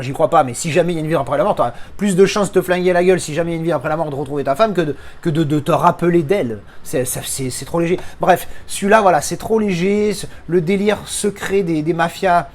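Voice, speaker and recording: A man's voice: on the high side, a little mellow. A man speaking French as his first language gives a casual spoken film review, ranting and swearing with frequent restarts.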